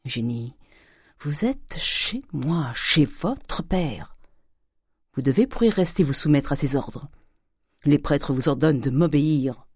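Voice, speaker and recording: A reader voicing a domineering, miserly old father who lurches from loud fury to hissed whispers. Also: mid-range voice, normal speed, breathy edge, no room sound, clean studio sound. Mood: commanding. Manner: thundering, swinging from shouts to hissed whispers. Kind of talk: audiobook character reading.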